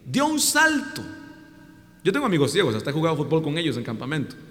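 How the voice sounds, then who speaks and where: Preacher, jokey and animated, lively pitch swings, reverberant church hall. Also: male voice, fast talker. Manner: animated, jokey, acts out voices in the story. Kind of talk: humorous sermon with storytelling.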